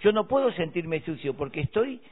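On a casual devotional radio show, a man with a fairly high, slightly rough voice quotes scripture firmly and corrects his co-host. He is very animated and speaks at a moderate pace, and the radio audio sounds tinny, like a phone.

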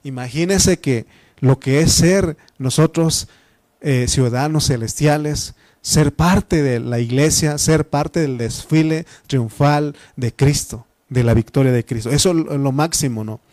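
Mexican guy preaching a bible study, kinda high voice, dry close sound, lots of ums and repeats. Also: unhurried, a little mellow, no room sound. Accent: Mexican Spanish. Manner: teaching, repeats phrases, frequent fillers.

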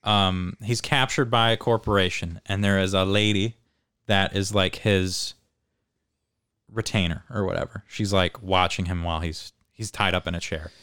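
A man's voice: sits low, steady tone, normal speed, a bit bright, clear, resonant tone, no echo, clean studio sound. A man chatting casually as a podcast co-host, laid-back and sweary, peppering his talk with dude and like. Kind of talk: casual chat.

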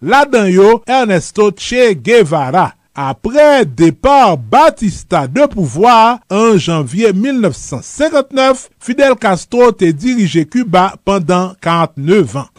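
A man's voice: high-pitched, very animated, slow, hardly any pauses, dry recording, clean studio sound. A man with a Haitian accent narrating a scripted history programme as its host.

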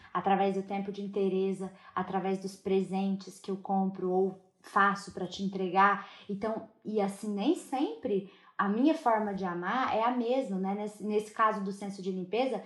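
A woman co-hosting a podcast, responding in a warm, affirming way. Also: mid-range voice. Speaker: podcast co-host. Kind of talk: conversational podcast talk. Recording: echoey room.

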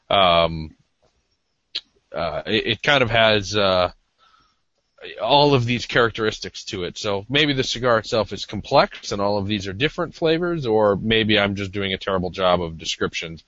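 A man's voice: fairly low pitch, animated, normal speed, fairly bright tone, dry recording. A man co-hosting a podcast in casual, discursive talk, hesitant and self-deprecating as he feels his way through explanations. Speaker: podcast co-host. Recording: slightly dull lo-fi audio.

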